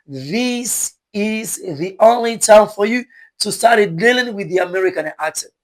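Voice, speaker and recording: A man from Rwanda with a Rwandan accent lectures his viewers directly as an English teacher, earnest and exhorting, often repeating his points. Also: high-pitched. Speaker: English teacher and online content creator.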